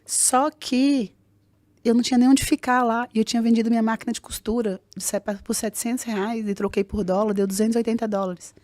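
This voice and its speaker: Rio-woman guest, warm and mellow, lively storyteller who acts out dialogue, dry close sound. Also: a little high, no room sound. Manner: animated, acts out dialogue in quick voices. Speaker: guest, jiu-jitsu fighter. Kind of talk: personal storytelling on a podcast.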